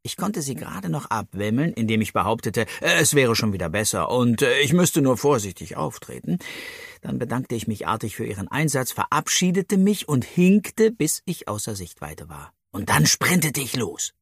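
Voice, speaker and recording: A man's voice: medium pitch, very animated, moderate pace, gravelly, a bit bright, breathy edge, no echo, clean studio sound. A man narrating a children's story in the first person, playful and chatty, talking straight to the listener. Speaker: audiobook narrator.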